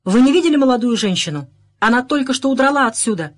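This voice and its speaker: A gruff, commanding police inspector barks his orders loudly and with irritation, as a woman narrator acts him out. His voice sits high and swings widely in pitch. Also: expressive, brisk. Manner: barking, shouting orders.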